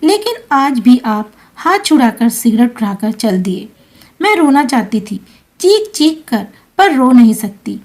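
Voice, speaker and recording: A woman voicing a grieving young wife reading out her own letter, in a soft, sorrowful way. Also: a little high, sing-song, a little slow.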